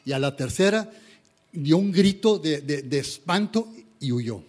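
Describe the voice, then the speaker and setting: A man preaches in a fairly high voice, earnest and conversational. He stumbles and restarts often. It sounds like a talk given to a congregation. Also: expressive, a little slow, darkish tone. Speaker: pastor. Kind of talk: sermon.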